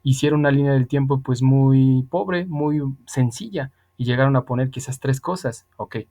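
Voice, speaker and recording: This is a man in his thirties, an online English tutor whose dark, mid-range voice moves at a moderate pace. His explanations are casual, patient and emphatic, full of repetition.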